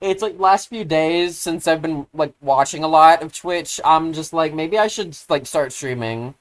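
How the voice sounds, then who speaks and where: A streamer chatting casually while playing a co-op game, rambling with many fillers, poking fun at themselves, and breaking into loud excited outbursts. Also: medium pitch, a little slow. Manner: rambling, filler-heavy, self-deprecating; easily excited, bursts into loud exclamations.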